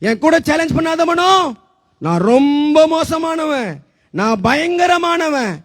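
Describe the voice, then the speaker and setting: A man playing a slow, gloating evil spirit. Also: extremely high pitch, very animated, heavily acted. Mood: gloating menace. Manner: slow, menacing boasts with laughter. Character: gloating evil spirit tempting a young believer. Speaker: villain in a church skit.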